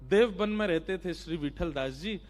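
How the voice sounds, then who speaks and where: A man's voice: high-pitched, normal speed. A man telling a devotional story sermon, emphatic and addressing the listeners directly. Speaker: kathavachak storyteller-preacher.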